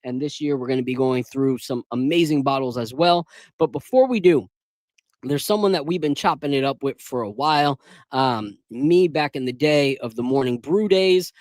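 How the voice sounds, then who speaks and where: A man's voice: mid-range voice, moderate pace, darkish tone, no echo. Laid-back man hosting a sports stream. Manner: laid-back, chatty, asks viewers to like and subscribe. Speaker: podcast host. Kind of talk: casual sports chat livestream.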